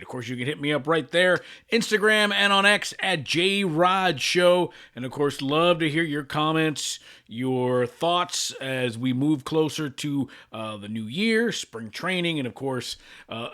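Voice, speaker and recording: A man's voice: a little high, fairly bright tone. A middle-aged man from Los Angeles hosting a sports channel, talking through the news in a loose, conversational way with frequent fillers and restarts. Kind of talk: casual sports commentary.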